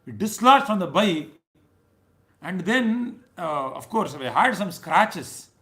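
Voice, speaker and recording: A South Indian man in his thirties leads a scripture class as a spiritual teacher, giving an informal sermon full of anecdotes and chanted verses. His high voice is pushed and bright, swings widely in pitch, and moves slowly. He's conversational and emphatic, often ending phrases with a checking "right?" to engage listeners.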